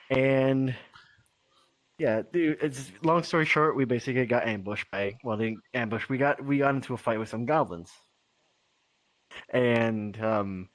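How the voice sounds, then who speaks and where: A man's voice: medium pitch, no echo, poor audio. A man telling tabletop game stories in a casual, rambling way, dropping in "right?" and swearing. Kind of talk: casual storytelling.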